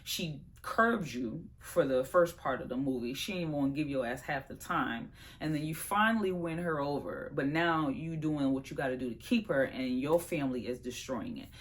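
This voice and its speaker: A woman vlogger reviewing her favorite movies in a casual, animated, slangy chat that talks straight to her viewers. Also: sits low, moderate pace. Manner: animated, slangy and chatty, addresses viewers as y'all.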